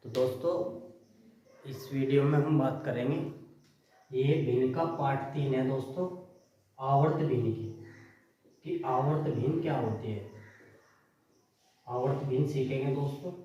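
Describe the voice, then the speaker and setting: A man's voice: medium pitch, unhurried, long pauses, warm tone. A man giving a classroom math lesson who asks the class questions and then answers them himself. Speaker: math teacher. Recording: very echoey room, mic far off.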